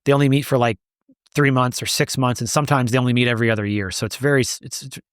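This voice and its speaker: A fast-talking man with a clean, mid-range voice and fairly even intonation answers interview questions as an advocacy group's founder. Emphatic, he repeats words to build each point. The recording is studio quality, with no room sound.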